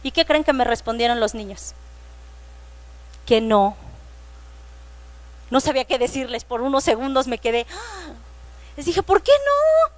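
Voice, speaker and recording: A woman with a Mexican Spanish accent preaching a sermon, reading scripture slowly and with emphasis. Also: on the high side. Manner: acts out children's voices in retellings.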